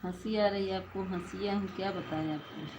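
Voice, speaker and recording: A woman's voice: mid-range voice, steady tone, moderate pace, very noisy. A woman hosting a live stream, chatting casually and answering her viewers' comments as she talks back to them.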